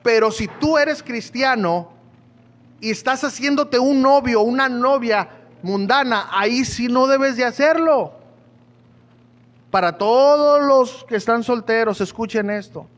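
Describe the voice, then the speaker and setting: A man's voice: very high-pitched, a little slow, a bit bright. A man preaching a sermon in a chatty, joking way, often asking his listeners questions. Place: church hall. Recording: echoey church hall.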